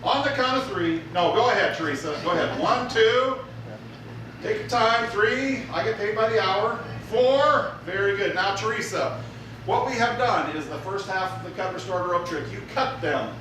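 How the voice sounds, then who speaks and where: A man's voice: high voice, expressive, normal speed, a bit bright. A man working as a stage magician, giving jokey live show patter as he teases a volunteer and plays to the audience. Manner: jokey showman teasing a volunteer, announcing to the crowd. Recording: echoey theater from far off, noisy.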